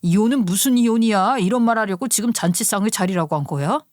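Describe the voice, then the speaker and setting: A flustered husband, as a woman narrator puts him on, exasperated and pleading in a radio story drama. The voice stays at a middle pitch and is recorded dry and close. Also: quick pace, darkish tone, dry recording, natural voice. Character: flustered husband caught between wife and mother.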